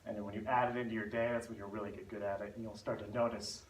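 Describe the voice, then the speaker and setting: A man's voice: fairly low pitch, level tone, racing. A man teaching a spinal stability class, explaining and demonstrating the exercises while a little out of breath. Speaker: instructor. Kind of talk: fitness class instruction. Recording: echoey room, mic far off, faint noise.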